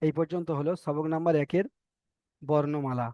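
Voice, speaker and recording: A man teaching the Arabic alphabet in a patient, slow lesson, with a Bengali accent, stretching out each letter sound as he demonstrates it. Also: fairly high pitch, steady tone, mellow, no echo, lo-fi sound. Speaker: Quran reading teacher.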